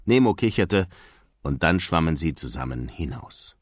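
A man narrating a children's storybook in an expressive, storytelling manner. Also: rumbling low, moderate pace, no room sound. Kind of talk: storybook reading. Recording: dry close sound.

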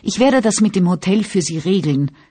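A woman reading an audiobook, voicing a patient, measured male police inspector who asks firm questions. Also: medium pitch, expressive, dark tone, breathy edge, dry recording, voice pushed up. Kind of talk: audiobook character voice.

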